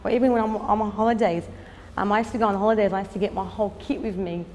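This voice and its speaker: A woman, a fashion designer speaking in a documentary interview, earnest and unhurried, with frequent "um" pauses. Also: medium pitch, steady tone, a little mellow, big-room sound, slight background noise. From Australia. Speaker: fashion designer and business owner.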